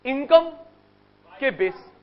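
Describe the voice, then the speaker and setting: A man with an Indian accent teaching economics in a classroom, drilling terms by repetition and pushing students to answer quickly. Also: extremely high pitch, animated, dull audio. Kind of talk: classroom lecture with call-and-response drills.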